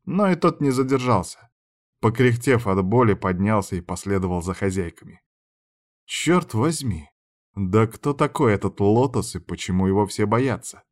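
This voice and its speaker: Guy reading an audiobook in first person, lowish voice, steady dramatic telling. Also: moderate pace. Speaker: audiobook narrator.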